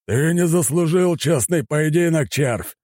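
A man voicing a furious, ruthless admiral who speaks slowly and thunders his words in an audiobook. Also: medium pitch, warm tone, no echo, studio quality, voice pushed up, lightly acted. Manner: slow, thundering, drawn-out delivery. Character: furious aging male admiral, booming and ruthless.

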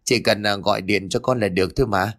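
A man's voice: on the low side, fairly even intonation, quick pace, a bit bright. A man voicing a nervous, evasive young village man who stammers. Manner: stammering, hesitant.

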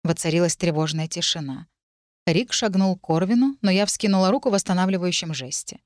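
A woman narrates a first-person story with a wry, expressive delivery. Her voice sits close on the mic with a dry, dead sound and no room around it. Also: on the low side, fairly quick, dry recording. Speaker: audiobook narrator.

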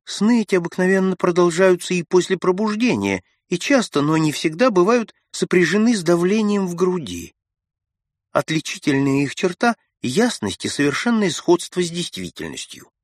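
A man narrating classic prose for an audiobook in a measured, steady storytelling manner on a close mic. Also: high voice, no echo.

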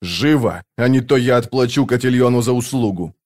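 Male narrator doing a hardened captain in a fantasy audiobook: cold, curt, threatening, mid-pitched. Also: a little fast, darkish tone, natural voice.

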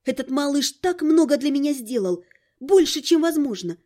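Woman reading an audiobook aloud, high voice, mellow and warm, really expressive. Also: moderate pace. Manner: expressive, lively storytelling. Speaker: audiobook narrator. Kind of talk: first-person audiobook narration.

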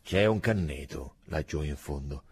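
A man voicing a calm, dutiful army sergeant who speaks evenly and slowly. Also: extremely low pitch, breathy edge, full character voice. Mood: steady. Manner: even, slow, dutiful, matter-of-fact. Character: calm older male army sergeant, by-the-book.

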